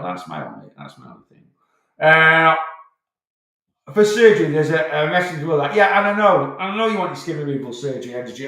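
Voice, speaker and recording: A man's voice: on the high side, fairly bright tone. A man coaching on weight loss during a live question-and-answer stream, talking casually with frequent restarts and repeated phrases. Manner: chatty, repeats himself, stops and starts, direct and reassuring. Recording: very echoey room.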